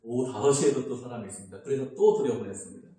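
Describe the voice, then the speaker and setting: Korean pastor preaching in echoey church. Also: male voice, medium pitch, racing, dark tone. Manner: conversational preaching, acts out quoted complaints. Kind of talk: sermon. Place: church sanctuary.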